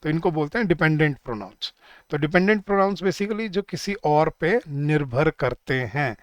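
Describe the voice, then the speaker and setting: A young man with an Indian accent teaching an online grammar lesson, chatty, calling viewers guys and slowing down for example sentences. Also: fairly high pitch, clear, resonant tone, dry recording. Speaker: English teacher.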